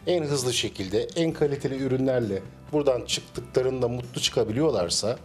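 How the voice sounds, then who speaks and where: A middle-aged man, a cafe owner, answering interview questions at a measured pace with frequent hesitation fillers, recorded on a handheld mic in a small cafe. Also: mid-range voice, darkish tone, faint music behind. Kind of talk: business interview.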